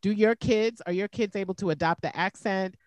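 A woman's voice: mid-range voice, a little fast, a little mellow, no echo. Woman podcast host, chatty and easygoing, dry voice on a video call. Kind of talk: casual chat.

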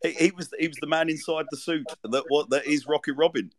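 A man's voice: a little high, brisk, crowd noise. A man hosting a casual interview, asking stumbling questions full of fillers. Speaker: podcast host.

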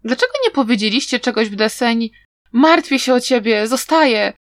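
A woman's voice: fairly high pitch, normal speed, no room sound, clean studio sound, natural voice. A woman reading an audiobook, voicing a blunt, curious teenage boy disciple who blurts things out. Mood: indignant.

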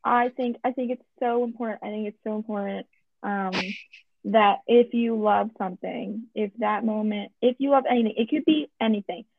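A woman's voice: medium pitch, moderate pace, gravelly, no room sound. A woman, a podcast guest, chatting casually in a rambling, earnest way. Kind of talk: casual chat. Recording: tinny phone-like line.

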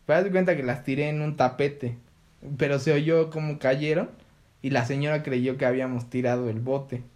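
A man's voice: medium pitch, steady tone, normal speed, a little mellow. A young man with a Mexican Spanish accent, telling childhood stories in a casual chat and acting out the voices of people he quotes. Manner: storytelling, acts out quoted voices.

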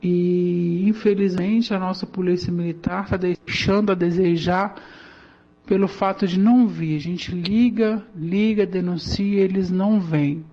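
A woman's voice: lowish voice, steady tone, measured pace. A woman speaking as an anonymous resident, her voice altered by a voice changer to hide her identity, sounding weary and frustrated. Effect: voice-changer distortion to hide identity. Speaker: local resident. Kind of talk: anonymous complaint in a radio report. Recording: dull lo-fi sound.

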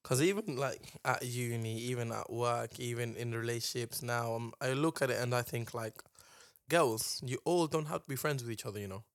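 A man's voice: medium pitch, normal speed, dry recording, clean studio sound. A young man with an urban London roadman accent, chatting casually in emphatic, exclamatory slang as a co-host. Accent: London, urban roadman slang style. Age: young adult. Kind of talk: casual banter.

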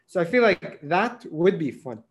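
A young man, co-hosting a podcast in relaxed casual chat, laughing often and dropping fillers. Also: sits high, moderate pace. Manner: laughs easily, mixes in Arabic fillers. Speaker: podcast co-host.

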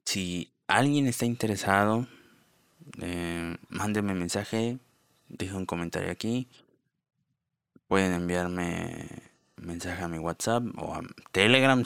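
Deep smooth-voiced man, casual podcast chat, close dry sound. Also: fairly bright tone, dry recording. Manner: rambling, many fillers and restarts. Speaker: podcast host. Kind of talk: casual solo podcast talk.

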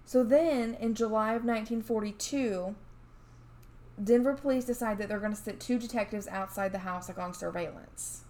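A woman's voice: fairly high pitch, normal speed, dark tone. Chatty woman telling a story casually. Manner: chatty, many fillers and restarts. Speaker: podcast co-host.

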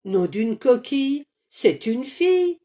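A voice actor playing an excitable young boy chick in an animated series, shouting and grumbling when cross. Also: high-pitched, slow. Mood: dismayed.

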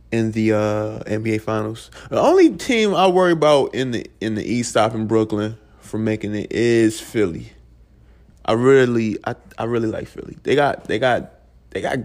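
A man's voice: mid-range voice, gravelly, a little mellow. A young adult man, a podcast host talking casually at home, rambling and swearing freely with many restarts. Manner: loose, profane, rambling with restarts. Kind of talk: casual solo podcast talk.

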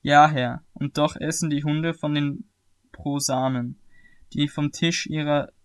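A man's voice: fairly high pitch, steady tone, slow, clean tone, no echo. A man reading aloud and voicing a desperate foreign woman who begs for help for her sick daughter, in an imploring, earnest way. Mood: pleading.

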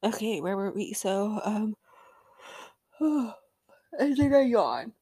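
A woman's voice: mid-range voice, expressive, slow, warm tone, slightly rough, no room sound. A young woman hosting a casual TV episode recap, chatting loosely with swearing and frequent ums. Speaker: recap show host.

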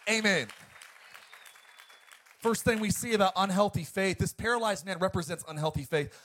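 A man's voice: sits high, normal speed, a faint crowd, a little hiss or hum. A male pastor preaching an emphatic sermon to his congregation. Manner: emphatic, preacherly, swings between loud and quiet.

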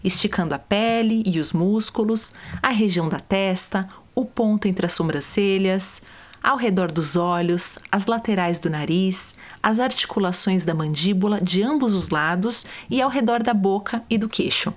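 A woman, calmly guiding listeners step by step through vocal warm-up exercises. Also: medium pitch, normal speed. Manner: calm, step-by-step, demonstrates sounds. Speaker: voice coach. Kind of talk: guided vocal warm-up instructions.

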